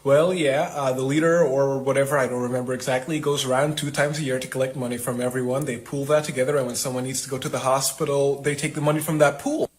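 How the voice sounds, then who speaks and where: A man's voice: medium pitch, fairly even intonation, quick pace, few pauses. A man telling a story in a plain, matter-of-fact way. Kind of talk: storytelling clip.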